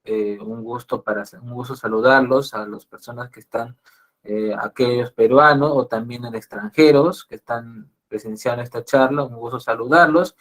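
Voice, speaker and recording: A man's voice: mid-range voice, moderate pace, a bit bright. A Peruvian psychologist giving an online lecture to an audience, often repeating and restarting his phrases. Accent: Peruvian Spanish. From Peru. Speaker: psychologist giving a webinar talk.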